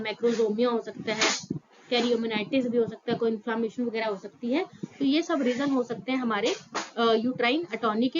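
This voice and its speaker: Higher-pitched woman giving a nursing lecture. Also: dull audio, noisy background. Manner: explains in Hinglish, repeats terms, frequent fillers. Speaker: nursing tutor. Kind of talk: exam-prep lecture.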